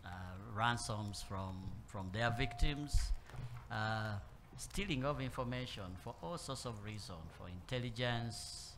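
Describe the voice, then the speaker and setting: A man addresses a conference room in a measured, unhurried way, often restarting his phrases and filling pauses as he goes. His voice sits at an ordinary middle pitch for a man. A faint hum of room ambience lies under his speech. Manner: measured, with frequent repeats and fillers. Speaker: panel speaker on corporate governance. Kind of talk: spoken panel talk. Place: conference room with live and online audience.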